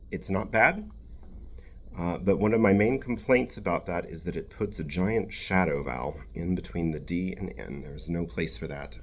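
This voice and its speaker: A man who grew up in Bulgaria, a piano teacher and vocal coach, explaining pronunciation slowly and carefully in a tutorial. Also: deep voice.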